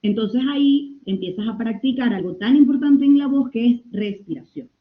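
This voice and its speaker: Expressive woman lecturer on tinny audio. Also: on the high side, normal speed. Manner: expressive, shifts tone and pace to demonstrate. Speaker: communication lecturer. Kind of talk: online lecture answering questions.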